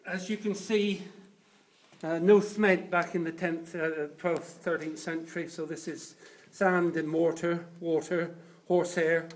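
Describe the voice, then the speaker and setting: Male cathedral tour guide, slightly high voice, informal and unscripted, feeling his way through explanations. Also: little pitch movement, measured pace.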